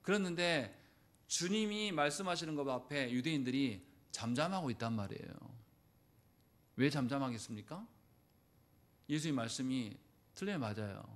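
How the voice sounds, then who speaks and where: A man pastor preaching a sermon in a church, acting out quoted lines with sudden loud bursts. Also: mid-range voice, animated, normal speed, long pauses. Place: church sanctuary.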